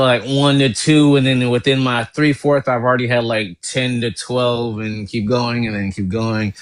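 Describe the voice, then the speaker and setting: A man talking in a casual chat, rambling and excited, often laughing as he goes. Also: mid-range voice, no echo. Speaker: guest.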